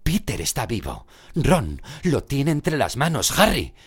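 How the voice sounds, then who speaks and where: A man's voice: medium pitch, wildly swooping pitch, measured pace, breathy edge, voice pushed up, heavily acted. A man voicing a middle-aged wizard teacher who pleads in a raised voice and explains patiently. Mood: calm.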